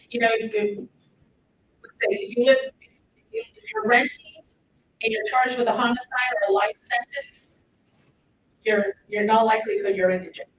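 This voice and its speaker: Echoey and distant from the microphone, with faint room noise, a middle-aged Mexican woman addresses an audience in English and takes their questions. She's a public defender at a podium, and her slightly high voice comes across as earnest and persuasive.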